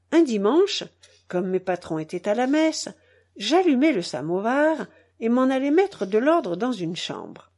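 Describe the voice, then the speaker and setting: Woman reading a novel aloud, really lively pitch, swoops up and down, expressive. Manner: expressive storytelling. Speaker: narrator.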